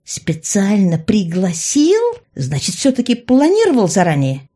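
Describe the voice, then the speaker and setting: A woman voicing a hot-tempered, sharp-tongued young witch who snaps back indignantly. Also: mid-range voice, wildly swooping pitch, a little slow, slightly rough, voice pushed up, full character voice.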